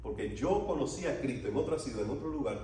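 A pastor preaching a sermon, telling stories with animation and asking the congregation questions. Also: male voice, medium pitch, animated, quick pace, mellow. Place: church hall. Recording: echoey hall from far off, faint noise.

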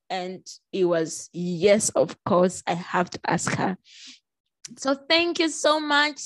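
A woman from Congo hosting a casual podcast interview, chatty and expressive with frequent jumps in pitch. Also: no echo. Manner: chatty with small restarts and fillers. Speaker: podcast host.

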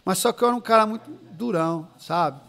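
A man, a pastor from inland São Paulo, telling personal stories as a podcast guest in a casual, animated way. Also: sits high, fast talker, vocal fry. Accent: Brazilian Portuguese, São Paulo interior. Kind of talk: casual storytelling chat.

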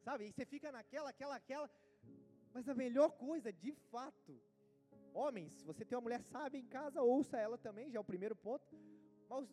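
A man with a Brazilian Portuguese accent preaching a sermon. He swings between loud emphatic bursts and quiet asides, acting out the voices he quotes. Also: very high voice. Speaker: pastor.

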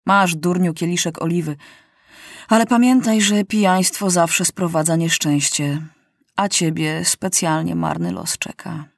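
A woman reading as a calm legless pilot with deadpan humor. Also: on the low side, unhurried, gravelly, no echo, clean studio sound. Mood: fond. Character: legless one-eyed male pilot, calm, dryly joking.

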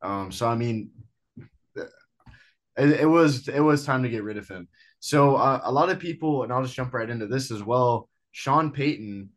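A man's voice: mid-range voice, normal speed. A young man hosting a casual sports podcast, rambling with lots of "I mean" and "like" fillers. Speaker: podcast host.

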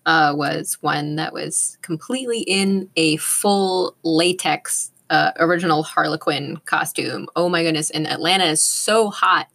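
A woman's voice: deep voice, a little slow, vocal fry, few pauses, a bit bright. A woman in casual chat, explaining things in a matter-of-fact way.

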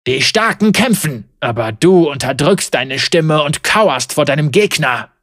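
A man voicing a huge, vicious male tiger spirit of ice that speaks slowly, growling and scornful, in a dry, husky storybook reading. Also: mid-range voice, pushed and bright, no echo, exaggerated voice.

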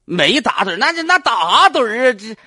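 A man's voice: very high-pitched, big pitch swings, fairly quick, sharp tone, no room sound, clean studio sound, heavily acted. A man playing a flustered, sheepish elderly theft victim in a comic skit, stammering and rambling with a Northeastern Chinese accent. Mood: agitated, excited. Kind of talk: comic radio skit acting.

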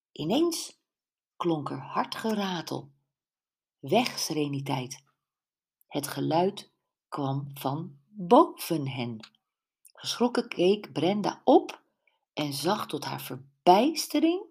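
A woman narrating a mystery audiobook in a steady, measured reading voice. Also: low voice, breathy edge.

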